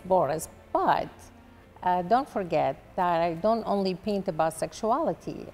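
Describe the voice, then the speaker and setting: A woman from Iraq with an Iraqi Arabic accent, an artist answering interview questions in slow, deliberate phrases. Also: fairly low pitch, darkish tone. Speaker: artist guest.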